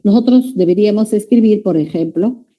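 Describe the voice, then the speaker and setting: A woman's voice: medium pitch, fairly quick, mellow. A woman teaching a language class, lecturing students and often checking that they follow. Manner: addresses students as "jóvenes", checks understanding with "¿ya?".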